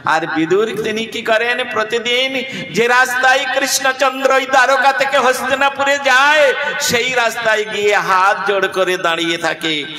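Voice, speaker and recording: A man's voice: extremely high pitch, normal speed, bright, forceful tone. A man preaching a devotional sermon, telling a sacred story and singing verses while addressing his listeners directly. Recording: echoey hall, distant mic, background noise.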